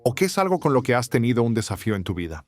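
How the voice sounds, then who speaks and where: A man's voice: medium pitch, very animated, rapid-fire, no room sound, clean studio sound. A man from Ohio hosting an interview, asking questions and talking in an encouraging, conversational way. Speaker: podcast host.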